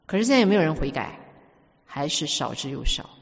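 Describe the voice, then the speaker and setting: Woman preacher, very lively sermon voice, lots of stumbly repeats, echoey hall, kinda muffled sound. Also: deep voice, a little fast, creaky. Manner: emphatic, storytelling with repeated words. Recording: dull recording with long hall reverb.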